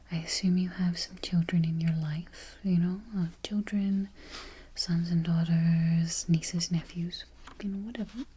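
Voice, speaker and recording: A woman in a whispered role-play as a friendly, patient librarian, speaking in a breathy library whisper with gentle, reassuring murmurs. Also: lowish voice. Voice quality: whispered, breathy, soft-spoken. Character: friendly, patient small-town female librarian registering a patron. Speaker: ASMR performer. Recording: noisy close recording, keyboard clicking.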